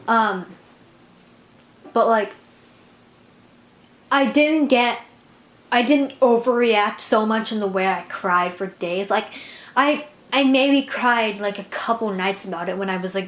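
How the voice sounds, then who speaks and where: Young woman vlogger, medium pitch, rambly and self-conscious, recorded in an echoey room. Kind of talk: casual confessional chat.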